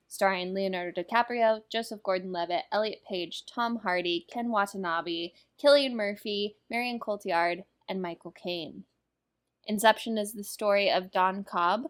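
Podcast host, female, average pitch, casual and emphatic, an enthusiastic film fan. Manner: enthusiastic, emphatic, swears freely.

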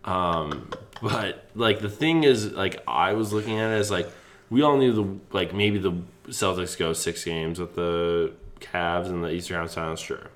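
A young man co-hosting a casual sports podcast, talking in an animated, rambling way and swearing freely. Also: sits low, normal speed. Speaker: podcast co-host.

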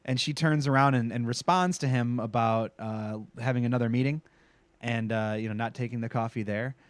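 A man's voice: medium pitch, steady tone, brisk, dry recording. A man co-hosting a casual TV recap chat, talking emphatically and swearing freely. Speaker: podcast co-host.

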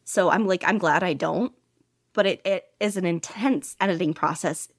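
A lowish-voiced woman speaks in clean studio sound with no room noise. Interviewed as a podfic narrator, she chats casually and rambles in a lively, self-deprecating way, laughing at herself often.

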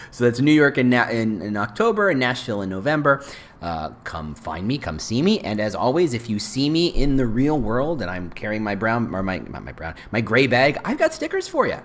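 A man hosting his own podcast, talking casually on his own with frequent restarts and asides. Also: mid-range voice. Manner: rambling, self-interrupting, lively delivery. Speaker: podcast host. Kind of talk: casual solo podcast talk.

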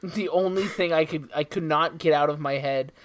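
A man's voice: fairly high pitch, moderate pace. A man co-hosting a podcast, chatting casually with dry, teasing comebacks. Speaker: podcast co-host. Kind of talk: casual chat.

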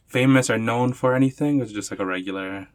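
Speaking quickly at a medium pitch, a podcast host chats casually with his guest, introducing them and asking questions. He's friendly and leans heavily on "like" and "you know."

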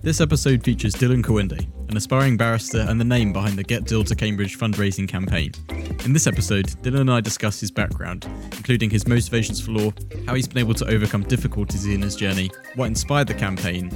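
A man's voice: lowish voice, fast, music in the background. A man hosting a podcast, welcoming his guest and asking long, rambling questions hedged with "kind of" and "sort of". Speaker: podcast host. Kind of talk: podcast interview.

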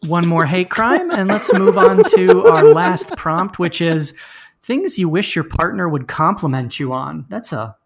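A man's voice: sits high, sing-song, a little slow. Man hosting a quiz-style comedy game. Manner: quizmaster, dry and teasing. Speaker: host running comedy game rounds. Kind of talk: casual comedy podcast banter.

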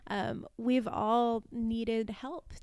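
A woman co-hosting a podcast, speaking in an upbeat, unhurried way. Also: fairly high pitch, flat delivery, darkish tone, clean tone. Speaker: podcast co-host. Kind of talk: casual podcast chat.

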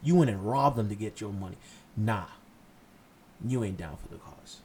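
A man's voice: lowish voice, lively intonation, moderate pace, a little mellow, slight background noise. A man from Haiti hosting a solo podcast, blunt and impassioned, cursing freely as he lectures his listeners. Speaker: podcast host.

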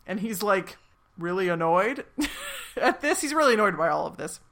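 A woman's voice: mid-range voice, big pitch swings, moderate pace, a bit bright. A woman podcast co-host in casual chat, animatedly retelling a TV episode with frequent giggles and fillers.

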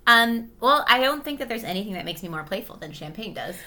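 A woman's voice: on the high side, lively intonation, fairly quick, pushed and bright. A young woman co-hosting a podcast, chatting playfully and reading research aloud. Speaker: podcast co-host. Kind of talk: casual chat.

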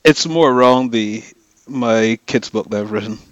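Man, casual podcast chat, medium pitch, hesitant, understated, dry close recording. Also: moderate pace, dry recording, muffled recording. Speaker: podcast regular.

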